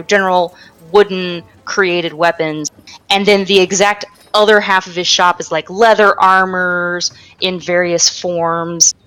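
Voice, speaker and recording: A young woman runs a tabletop game as its game master, her voice a little low. She stops and restarts often, filling gaps with ums and uhs as she describes the scene. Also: a bit bright, smooth, poor audio. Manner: halting, full of fillers and restarts. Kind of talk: narrating a tabletop game over voice chat.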